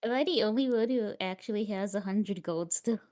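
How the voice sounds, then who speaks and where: A woman's voice: mid-range voice, fairly quick, a little mellow. Woman player asking about her gold, kinda earnest. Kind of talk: casual chat at a game table.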